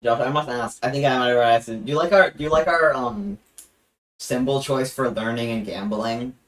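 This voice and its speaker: A young adult streamer chatting casually on a livestream, halting with frequent restarts and joking in a deadpan way. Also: mid-range voice, poor audio.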